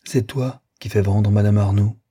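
A jealous young man, wounded and accusing, in a classic audiobook read by a man. His voice is husky, dark and low, close to the narrator's own, delivering bitter reproaches with cold contempt. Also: fairly even intonation, normal speed. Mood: indignant.

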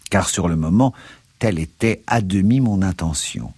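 A man reading a classic story aloud in an expressive, theatrical way, narrating in the first person. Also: deep voice, moderate pace, breathy edge, no echo. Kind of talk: dramatic literary reading.

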